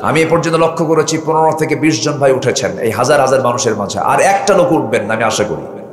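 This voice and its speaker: A man's voice: animated, fast talker. Man preaching over an echoing PA. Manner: chanting, rising to high emphatic calls, questions to the crowd. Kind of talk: sermon. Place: large outdoor religious gathering. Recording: echoey PA sound in a large space.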